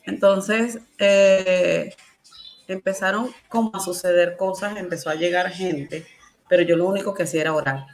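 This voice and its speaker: A woman's voice: fairly low pitch, steady tone, normal speed, a little hiss or hum. A woman with a Venezuelan accent, telling her personal faith story in a colloquial, emotional way and laughing often. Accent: Venezuelan Spanish. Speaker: testimony guest.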